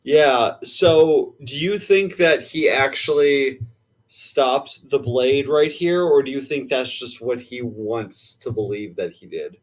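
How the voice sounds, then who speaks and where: A man's voice: medium pitch, animated, slow. A man in a casual video game discussion who speaks hesitantly, leaning on fillers as he works through his theories.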